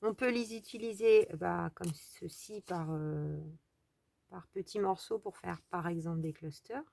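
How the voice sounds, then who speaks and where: A woman's voice: fairly low pitch, unhurried, gravelly, a little mellow, no echo. A French woman chatting casually as she walks through a crafting tutorial, thinking aloud with trailing fillers. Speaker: crafting video host.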